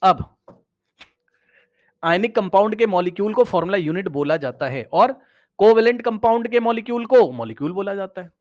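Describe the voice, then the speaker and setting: A man teaching chemistry in a casual classroom manner, repeating key phrases and checking in with his listeners, often dropping quieter as he points at the screen. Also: high-pitched, expressive, normal speed. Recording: slightly dull, lo-fi recording.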